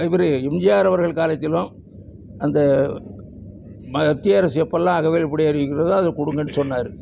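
A man's voice: on the high side, creaky, warm tone, slight background noise. A man speaking as a teachers' union leader at a press conference, emphatic as he lists figures and demands.

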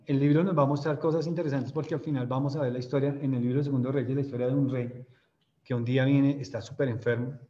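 A man's voice: medium pitch, highs cut off. A man with a Colombian accent leading a youth Bible study, reading scripture aloud and explaining it in a conversational, questioning way. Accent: Colombian Spanish. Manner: conversational teacher who checks in with listeners; mimics laughter when retelling stories.

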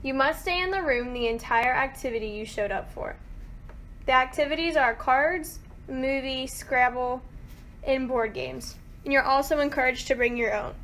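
A woman's voice: high-pitched, moderate pace, fairly bright tone, slight background noise. A young woman reading scripted morning announcements in a school intercom manner.

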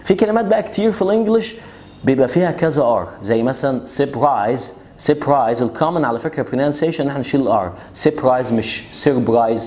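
A young man with an Egyptian Arabic accent teaching English pronunciation in a casual video lesson, joking and boastful, slowing right down to spell out example words. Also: on the high side, lively intonation, darkish tone. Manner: boastful, joking, rapid chatty explanations with slow drawn-out example words.

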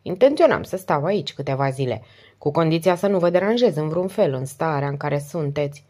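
A woman voicing a low, gruff police inspector. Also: animated, warm tone. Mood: calm. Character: calm middle-aged male police inspector, gruff. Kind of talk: audiobook character voice.

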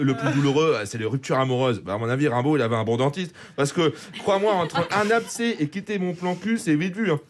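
A man's voice: mid-range voice, background noise. A man delivering a cheeky comic monologue as a radio columnist in a studio, chuckling at his own jokes. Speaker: comedy columnist.

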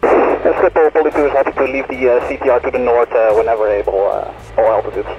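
Dutch-accented man, pilot over muffled aircraft radio, mid-pitched, brisk readbacks, faint music behind. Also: level tone. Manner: brisk readbacks with hesitant fillers. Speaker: military fighter pilot. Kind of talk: radio phraseology.

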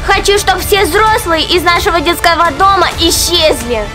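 Casting: young woman as bossy, fed-up teen girl, very high voice, children's skit, music behind. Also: moderate pace.

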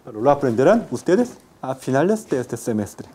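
A man's voice: medium pitch, big pitch swings, moderate pace, dark tone, slightly rough. A man teaching Spanish phonetics in a university class. He repeats example words and quizzes his students. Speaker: university Spanish phonology lecturer. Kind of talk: classroom lecture with questions to students. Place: university lecture room.

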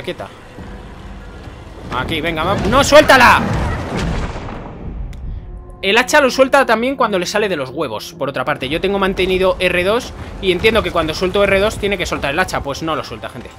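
Man, Spain Spanish accent, young adult, high voice, gameplay commentary, swearing, repeated urgent shouts, loud game music. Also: animated, a little fast. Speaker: gaming streamer.

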